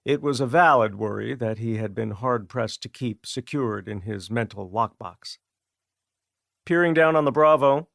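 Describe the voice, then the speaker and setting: A man narrating an audiobook in a measured, even storytelling manner. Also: mid-range voice, vocal fry, no echo, clean studio sound. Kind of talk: scripted narration.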